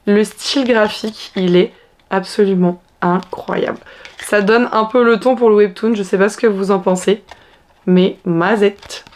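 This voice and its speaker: A woman's voice: medium pitch, steady tone, moderate pace. A young woman who hosts a book unboxing vlog and talks in a casual, enthusiastic, exclamatory way. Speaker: book vlogger.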